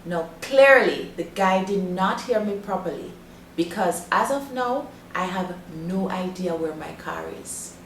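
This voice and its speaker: A woman's voice: fairly low pitch, lively intonation, measured pace. A woman with a Jamaican accent presenting a language lesson as its host. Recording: roomy echo, faint background noise.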